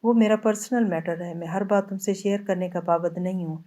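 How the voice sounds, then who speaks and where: Woman narrator voicing curt young husband in a storybook novel, firm, soft dark timbre. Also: lowish voice, steady tone, lightly acted.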